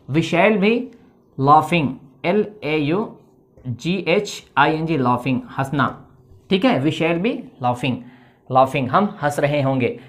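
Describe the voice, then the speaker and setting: A woman with a somewhat low voice teaches a grammar lesson at a board. She explains methodically, pausing after each step to check in, and spells words out letter by letter. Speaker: English teacher. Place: indoor classroom with a board.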